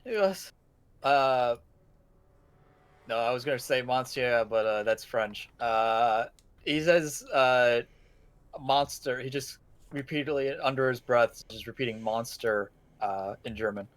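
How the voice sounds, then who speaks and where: A man's voice: mid-range voice, unhurried, fairly bright tone, dry recording. A man narrating a tabletop horror game as game master, casual with lots of fillers and chuckles.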